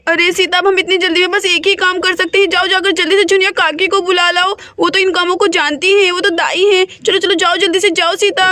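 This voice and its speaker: A woman's voice: extremely high pitch, flat delivery, brisk, few pauses, sharp tone, no room sound, studio quality. A woman voicing a caring young village elder sister who reassures and directs the others in a doll-play story. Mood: reassuring.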